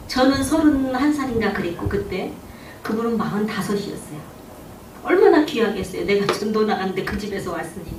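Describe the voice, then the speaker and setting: A woman's voice: mid-range voice, background noise. Korean woman pastor preaching in an echoey hall. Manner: storytelling, asks rhetorical questions. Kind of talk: sermon with personal testimony. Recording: echoey room, distant mic, faint background.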